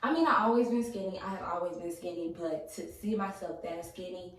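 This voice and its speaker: A young woman vlogging at home, talking candidly with lots of fillers, sometimes dropping to a hushed voice. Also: lowish voice, brisk, a little hiss or hum. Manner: candid, rambling, filler-heavy talk; hushed, half-whispered at times. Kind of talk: casual vlog narration. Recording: echoey room, mic at a distance.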